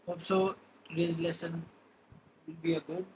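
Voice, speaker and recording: A man's voice: a little high, level tone, moderate pace, a little hiss or hum, poor audio. A man teaching the Arabic alphabet, saying each letter name twice and explaining patiently how it is pronounced. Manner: spells out letter names one by one, repeating each twice. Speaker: Quran reading teacher. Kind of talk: slow pronunciation lesson.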